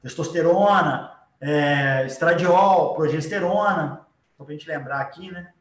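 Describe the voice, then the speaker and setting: A man's voice: on the high side, a little slow, distant mic. A man with a Brazilian accent giving an informal, explanatory lecture as a teacher, often checking in with short tag questions. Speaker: biology teacher. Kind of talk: informal live lecture with drawing. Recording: echoey room.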